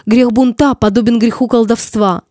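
Woman voicing Jesus: grave, calm male savior, measured and soft, mellow fairly high tone, dry sound. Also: no room sound, lightly acted. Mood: solemn. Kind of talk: audiobook reading.

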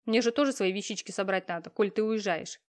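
A woman's voice: mid-range voice, brisk, lightly acted. A woman reading an audiobook, voicing a cheeky young female friend who is breezy and matter-of-fact.

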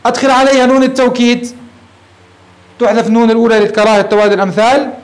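The recording is rough, and the man's voice sits high: he is a sheikh teaching grammar at a classroom whiteboard, guiding students step by step and questioning them as he goes.

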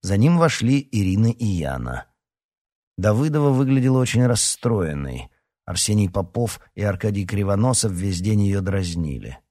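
A man narrating an audiobook in an expressive storytelling manner. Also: fairly low pitch, moderate pace. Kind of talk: scripted narration.

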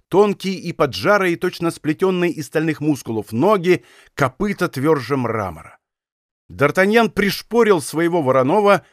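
An audiobook narrator, a man whose voice sits slightly high for a male, reads a scripted passage from an adventure novel. His delivery is measured and dramatic, building the tension of a chase. The studio recording is close and dry, with no room sound at all.

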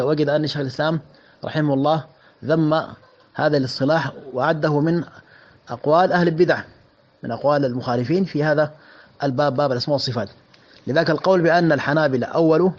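A man giving a rebuttal lecture on religious doctrine, speaking emphatically and repeating phrases for stress, in a dull lo-fi recording. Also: a little high. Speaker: Islamic religious commentator.

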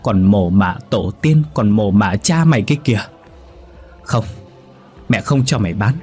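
A man's voice: fairly low pitch, lively intonation, measured pace, mellow, husky, soft background music. A man voicing a grieving elderly mother who wails and sobs as she pleads. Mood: anguished. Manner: wailing, sobbing pleas.

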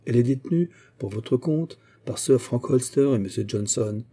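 Male reader as a fatherly old scholar, gentle but flustered, dark husky voice, sometimes rising. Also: mid-range voice, normal speed, close to an everyday voice. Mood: earnest. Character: kindly elderly male scholar and guardian.

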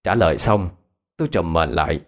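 A man narrating a ghost story in a dramatic, expressive way. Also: deep voice, a little fast.

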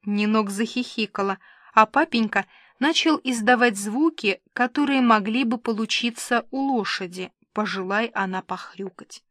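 A woman's voice: on the high side, normal speed, fairly bright tone, no room sound, clean studio sound. A woman narrating a comic novel in the first person, in a wry, conversational storytelling manner. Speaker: audiobook narrator.

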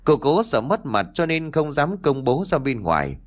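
A male storyteller reading an audiobook. His delivery is expressive and lively, rising and falling freely in pitch as the tale unfolds. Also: normal speed. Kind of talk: audiobook narration.

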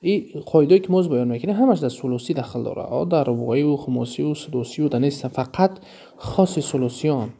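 A man's voice: fairly high pitch, vocal fry, mellow. Tajik man teaching grammar step by step. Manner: explains step by step, repeats example words slowly, asks and answers his own questions. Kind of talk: explaining a textbook lesson.

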